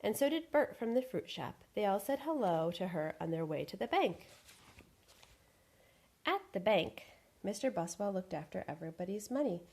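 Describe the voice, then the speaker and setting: A woman reading a picture book aloud in an expressive, animated way. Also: medium pitch, moderate pace, gravelly. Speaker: storyteller.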